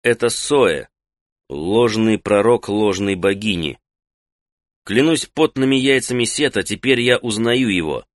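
A blunt young warrior with a rough, plain-spoken way of talking, as a male narrator voices him. The voice is low and sits close to the mic in a dry, dead space. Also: expressive, a little slow, dry recording. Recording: dry close studio sound.

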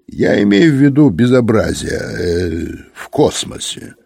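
A man's voice: fairly low pitch, lively intonation, a little slow, creaky, a little mellow, husky, no echo, studio quality, heavily acted. A man doing an agitated, indignant space inspector.

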